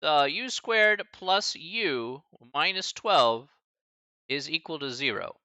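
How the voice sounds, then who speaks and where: Lively man in his forties teaching math. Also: a little high, slow, clear, resonant tone, no room sound, lo-fi sound. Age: 40s. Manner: lively, chatty asides to chat, laughs often. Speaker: college math instructor. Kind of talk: live-streamed math lecture.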